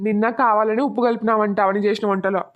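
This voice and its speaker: A woman's voice: medium pitch, flat delivery, fast, close to an everyday voice. A woman voicing a stern, angry middle-aged village father, scolding bluntly, on a dull lo-fi recording.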